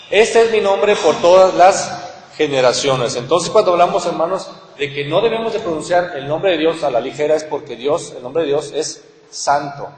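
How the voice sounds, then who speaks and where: Mexican pastor guy preaching, kinda high voice, big echoey church hall. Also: slight background noise. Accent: Mexican Spanish. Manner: earnest, keeps calling on listeners with rhetorical questions. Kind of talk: sermon.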